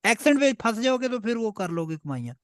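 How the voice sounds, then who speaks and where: A Punjabi-speaking man teaches beginner German in an online class conducted in Hindi-Urdu, patiently checking that students keep up and often saying "ठीक है." His voice is very high and sing-song, fairly quick and fairly bright, recorded at studio quality with no echo.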